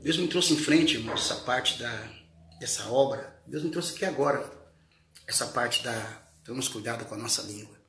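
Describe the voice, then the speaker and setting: A man's voice: mid-range voice, normal speed, roomy sound, slight background noise. A Brazilian man preaching a fervent testimony sermon, his voice rising when he retells what people said. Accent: Brazilian Portuguese. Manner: fervent, rising to shouts in retold dialogue.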